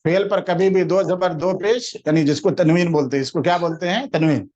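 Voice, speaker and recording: A man teaches a classroom grammar lesson, explaining patiently, quizzing listeners, and slowing down to spell out example words. His voice sits high with a darkish tone, and the recording is muffled.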